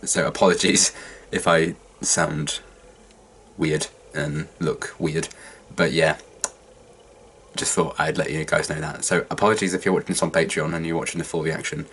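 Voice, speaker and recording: A young man chatting casually to viewers as a reaction vlogger, husky and congested with a cold and sore throat, sounding worn out and hungover. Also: very deep voice, level tone, normal speed, a bit bright. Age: young adult.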